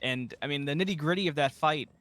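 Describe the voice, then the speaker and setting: A man giving live play-by-play esports commentary like a fighting game announcer, building to drawn-out calls when the action heats up. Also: fairly high pitch, a bit bright, a little hiss or hum.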